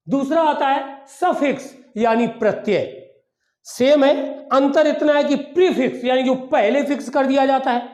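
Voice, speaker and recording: A man's voice: very high voice, darkish tone. A male teacher giving a grammar lesson, repeating key points and asking questions that he answers himself. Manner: repetitive, asks and answers his own questions. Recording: echoey room.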